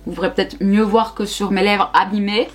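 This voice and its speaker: A woman's voice: mid-range voice, fairly even intonation, a little fast. A young woman, chatting casually through a makeup review with lots of fillers and repeated words. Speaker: beauty vlogger.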